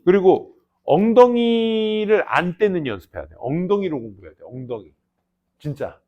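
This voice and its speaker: A young adult man teaching an English class, lecturing students in a casual, teasing way with lively asides. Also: high-pitched, moderate pace. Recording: dull lo-fi lecture recording.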